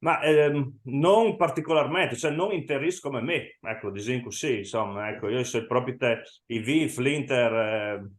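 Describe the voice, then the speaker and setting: A man's voice: medium pitch, a little slow, few pauses. A man with a Friulian accent chatting casually about football as a guest, somewhat hesitant, in echoey room sound. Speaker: podcast guest, Inter fan.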